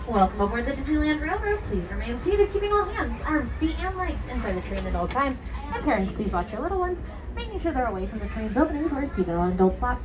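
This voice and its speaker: A woman conductor giving safety announcements over an outdoor loudspeaker. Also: sits high, very animated, fast. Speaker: train conductor. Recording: dull distant loudspeaker with crowd and vehicle noise.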